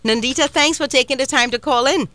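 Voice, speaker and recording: A woman from Trinidad and Tobago hosting a casual interview, telling stories with animated laughter. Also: sits high, quick pace, dry recording. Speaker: show host.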